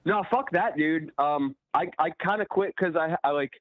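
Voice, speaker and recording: Radio show caller on a tinny phone line. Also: male voice, on the high side, moderate pace, dry recording. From Pittsburgh area. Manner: laid-back, hesitant with fillers.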